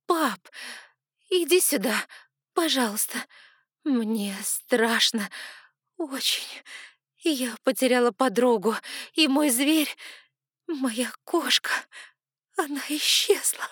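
A woman's voice: moderate pace, dry recording, clean studio sound, natural voice. A woman voicing a desperate young woman who cries and begs her father for help. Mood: sobbing, pleading. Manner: high, tearful, pleading cries. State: crying.

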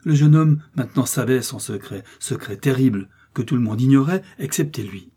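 A man narrating a classic novel aloud, expressive and rising with the action. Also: medium pitch, normal speed, slightly rough. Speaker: audiobook narrator. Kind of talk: dramatic novel reading.

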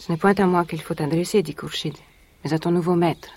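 An actress in a 1980s radio drama playing a young woman who was once a captive, telling her story in a measured, solemn way. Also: on the low side, fairly even intonation, a little mellow, lightly acted. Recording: vintage radio recording.

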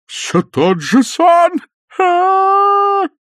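Tearful old fusspot with a toothless lisp and a high, slow wail for a storybook reading. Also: male voice, very animated, creaky, a bit bright, no echo, clean studio sound, full character voice. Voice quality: lisping toothless mumble. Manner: wailing, drawn-out pleading. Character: toothless frightened old man, tearful and fussy.

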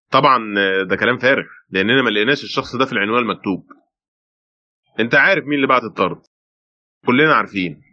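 In dull, lo-fi radio drama sound, an actor plays a brusque Egyptian policeman, a man who talks extremely fast. He is sceptical and insistent, pressing every point bluntly. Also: mid-range voice, bright, forceful tone. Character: brusque, sceptical male police brigadier, pressing his case. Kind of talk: radio play acting. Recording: dull lo-fi audio.

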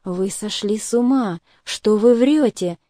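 A woman's voice: mid-range voice, measured pace, no room sound, studio quality, natural voice. A woman reading the lines of a jealous, self-righteous nobleman husband in an audiobook. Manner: indignant, self-righteous, shouting at times. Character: jealous, pompous nobleman husband, middle-aged.

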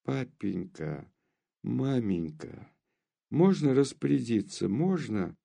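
A man's voice: mid-range voice, expressive, slow pace, vocal fry, mellow, exaggerated voice. Man voicing a passionate young noblewoman, indignant, pleading, raised voice, audiobook reading. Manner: pleading, crying out.

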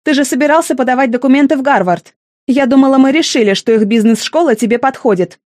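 Domineering mother, scolding and nervous, raised pitch, dry close sound as a woman narrator puts her on. fits a storybook reading. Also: a little fast, no room sound, lightly acted. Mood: irritated. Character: domineering wealthy middle-aged mother, shrill and reproachful.

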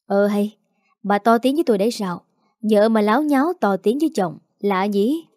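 Lady reading as a grumpy stubborn peasant dad in his forties, mellow low-key voice, dry sound. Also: moderate pace, no echo, close to an everyday voice. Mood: bickering. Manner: gruff, defensive bickering. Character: grumbling middle-aged peasant father, stubborn.

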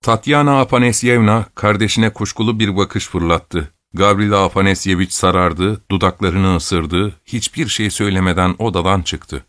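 A male narrator reading classic literature in a steady, earnest way. His voice sits on the low side, and the recording is dry with no room reverb. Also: moderate pace, hardly any pauses. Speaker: audiobook narrator.

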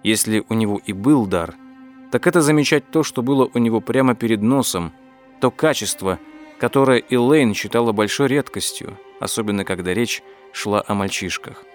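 A man reading an audiobook as its narrator, telling the story in a measured, even way. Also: fairly low pitch, soft background music. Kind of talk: scripted narration.

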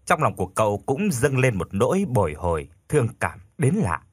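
Guy narrating a ghost story, lively pitch, kinda husky. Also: moderate pace, dry recording, clean studio sound.

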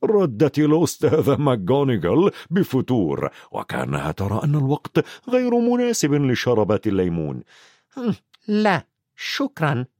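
A man narrating a storybook aloud in an expressive, lively manner, close to the mic. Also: mid-range voice, fairly quick, few pauses, no echo. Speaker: audiobook narrator.

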